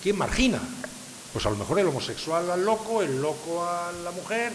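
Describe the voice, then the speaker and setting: In a reverberant hall with faint background hiss, an older man from San Sebastián, Spain, lectures publicly to listeners. His high-pitched voice swings widely in pitch at a moderate pace as he asks rhetorical questions and underlines his points.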